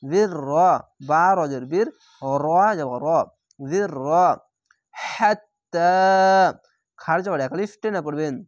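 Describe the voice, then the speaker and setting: Man slowly spelling out recitation syllables. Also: fairly high pitch, dry recording, studio quality. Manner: slow, drawn-out spelling of syllables; stretches recited words very long. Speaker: Quran reading teacher.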